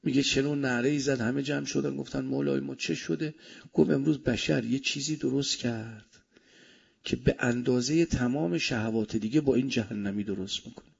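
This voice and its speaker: Gravelly preacher with a husky voice. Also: male voice, medium pitch. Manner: animated, swinging between loud emphasis and soft asides. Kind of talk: sermon. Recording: dull lo-fi recording.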